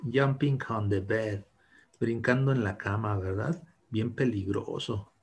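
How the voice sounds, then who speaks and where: Guy teaching kids english on a video call, slow and encouraging, kinda breathy. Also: fairly low pitch. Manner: patient, encouraging, mixes English and Spanish. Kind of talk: online class for children.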